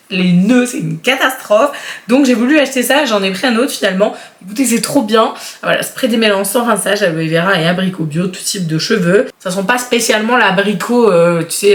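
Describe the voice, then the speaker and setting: A woman in her thirties, a beauty vlogger, unboxes beauty products while chatting casually and enthusiastically, often using fillers. Her mid-range voice moves at a moderate pace, recorded with roomy echo.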